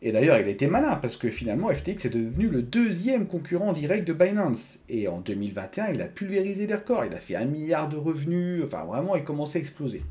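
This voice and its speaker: A man's voice: fairly high pitch, very animated, quick pace, few pauses, dark tone. A man explaining to his viewers in a casual, conversational way, with frequent fillers and restarts. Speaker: crypto YouTuber. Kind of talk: casual explanatory talk to camera.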